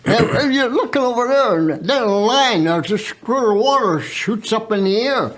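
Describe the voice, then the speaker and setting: A very old man of about a hundred telling his own story unscripted as a veteran guest, haltingly, with repeated words and stammered starts. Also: extremely high pitch, fairly bright tone. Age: very old, around 100.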